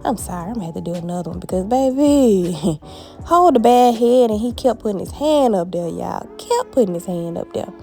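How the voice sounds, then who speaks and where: A woman's voice: medium pitch, a little fast, soft background music. A woman vlogging a hair tutorial at a family home, chatty and playful, talking straight to her viewers. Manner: animated, playful, talks straight to viewers with "honey" and "baby".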